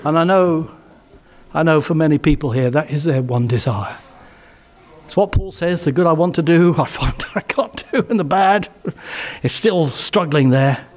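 An older man with an English accent preaching a sermon in a church hall on a headset mic, earnest and emphatic, often dropping to soft, quiet phrases. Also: fairly high pitch, normal speed.

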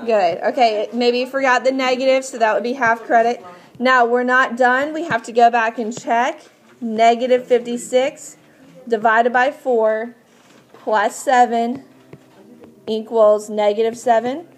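A woman's voice: on the high side, fairly even intonation, a little slow. A woman teaching a math class step by step in a patient, instructive way, often asking questions to check understanding. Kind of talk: classroom lesson, explaining step by step.

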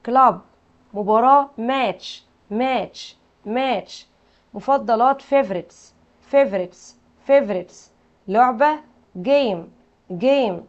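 A woman's voice: a little high, a little mellow. A woman with an Egyptian Arabic accent teaching English to children. She repeats every word several times in drills and quizzes the kids. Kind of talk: classroom lesson with drilled repetition. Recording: muffled lo-fi recording.

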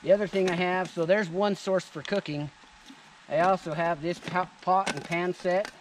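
A man in his thirties casually demonstrating camping gear outdoors, chatting to viewers in a relaxed way. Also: high voice, moderate pace, slight background noise. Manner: relaxed, chatty, addresses viewers as "you guys". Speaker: vlogger showing camping gear. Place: forest clearing outdoors. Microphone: camera on a tripod and handheld selfie camera.

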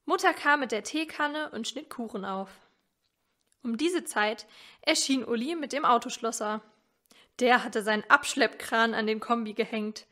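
Lady reading a story out loud, slow and careful, kinda high voice. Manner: measured, expressive reading. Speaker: story reader at a church advent event.

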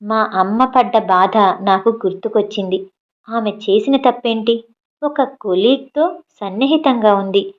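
A woman reads a first-person story aloud at a calm, steady pace. Her voice sits a little high. The recording is dull and lo-fi. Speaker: audiobook narrator.

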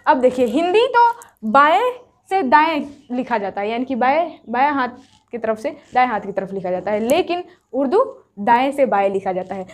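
A woman teaching Urdu script step by step, patient and repetitive. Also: high-pitched. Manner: patient, repeats each point slowly. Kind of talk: step-by-step whiteboard lesson.

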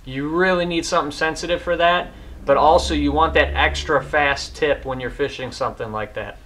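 Bright-voiced man reviewing fishing gear. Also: fairly high pitch, fairly even intonation, normal speed, slight background noise. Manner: enthusiastic, hands-on demonstrating. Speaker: fishing channel host. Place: garage with boat and rods.

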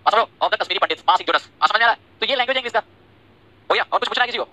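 A male English teacher speaks very fast in a high, bright, sharp voice during an online class in Hindi and English, and the recording is rough. He keeps asking whether students understand with rapid, repeated "ठीक है?" and "समझे?", scolding and teasing them by name.

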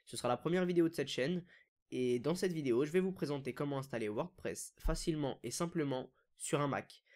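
A man hosting a screen-recorded software tutorial, explaining each step casually with frequent fillers. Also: fairly high pitch, fairly quick. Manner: casual, step-by-step, many "donc" and "euh" fillers. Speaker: WordPress consultant and YouTube tutorial host.

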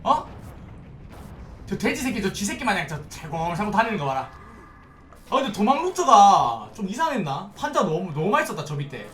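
A young male streamer with a high, lively voice, commenting on his horror game with excitable outbursts, curses and loud pleas to teammates. His bright tone sits a little far from the mic in a roomy space with faint noise behind. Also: moderate pace. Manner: excitable, swears often, pleads loudly with teammates. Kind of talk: live gameplay commentary.

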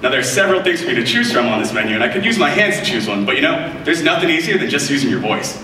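A young man races through a scripted live product demo on a large keynote stage, very animated, his medium-pitched voice bright and forceful. Upbeat and enthusiastic, he's captured in echoey hall audio by a distant mic, with slight background noise.

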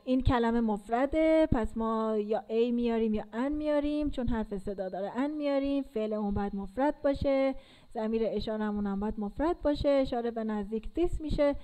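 A woman's voice: a little high, dark tone, low-quality recording. A woman teaching English to learners in a casual classroom style, patiently repeating and drilling sounds.

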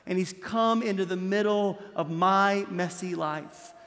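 High-voiced man preaching in a reverberant church. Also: unhurried, slight background noise. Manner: impassioned preaching, drops low and soft on key words; gestures broadly while standing at a lectern. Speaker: priest. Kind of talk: Christmas Eve homily. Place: large stone church, indoors.

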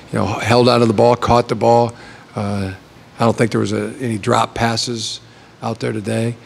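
A middle-aged head coach answers questions at a postgame press conference, speaking into a table mic in a room with a backdrop. His voice is medium-pitched and gravelly, and his answers are full of restarts and fillers.

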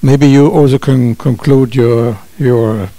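Gravelly older moderator, dry sound. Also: male voice, mid-range voice, fairly even intonation, takes it slowly, dark tone, no echo. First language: German. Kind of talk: panel moderation.

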